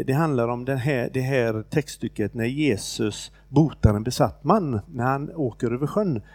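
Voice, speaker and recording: This is a man delivering a relaxed, unscripted sermon and retelling a scripture passage in his own words. His voice has a gravelly, fry-tinged texture at a middle pitch. He talks haltingly, with fillers and restarts, and the recording is close and dry. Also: no room sound. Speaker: preacher. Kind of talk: informal sermon retelling a Bible story.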